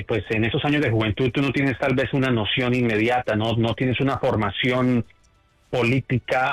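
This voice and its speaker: A man's voice: mid-range voice, dry recording, rough recording. A man from Colombia, a political analyst, answering interview questions in a thoughtful, hesitant way with many fillers. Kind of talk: radio interview. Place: New York.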